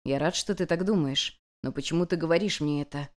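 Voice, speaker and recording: A woman voicing an ancient male god, a weary and restrained teacher speaking softly and evenly. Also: low-pitched, close to an everyday voice. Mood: weary calm. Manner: soft, even and measured.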